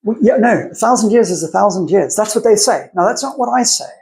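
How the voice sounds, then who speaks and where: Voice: medium pitch, lively intonation, fast talker, darkish tone, rough recording. Podcast co-host musing through theology aloud. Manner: thinking aloud, discursive, acts out opposing arguments. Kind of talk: casual theological discussion.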